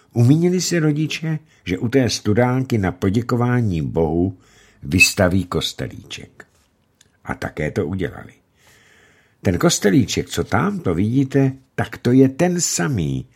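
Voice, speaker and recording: A man reading a classic story aloud to children as narrator, telling it in a warm storytelling way. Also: lowish voice, slightly rough.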